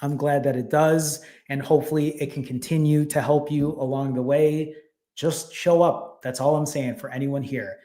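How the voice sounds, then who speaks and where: A man's voice: fairly high pitch, steady tone, normal speed, mellow. Upbeat man hosting a live stream. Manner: upbeat, encouraging, thanks viewers by name. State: a little out of breath. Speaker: fasting channel host. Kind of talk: casual live-stream chat reading viewer comments.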